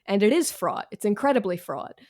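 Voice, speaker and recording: An American woman from Washington, D.C., an author, guests on a podcast for a casual conversational interview. Her mid-range, darkish voice moves briskly with big pitch swings. She comes across candid, wry, and self-deprecating, using casual slang.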